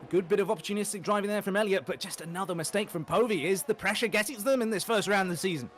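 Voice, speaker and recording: A man calling a sim race lap by lap, words tumbling out at a rapid clip. His voice sits slightly on the high side, and he jumps on every overtake with excitable energy. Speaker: race commentator. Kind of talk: play-by-play sim racing commentary.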